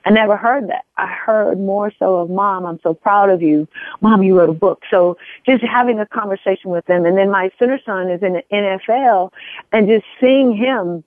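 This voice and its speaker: A mid-range female voice at normal speed, recorded dry, comes across a tinny phone line. She's in her forties, an empowerment coach appearing as an interview guest, and in the casual conversation she speaks earnestly, emphasizing ideas by repeating phrases.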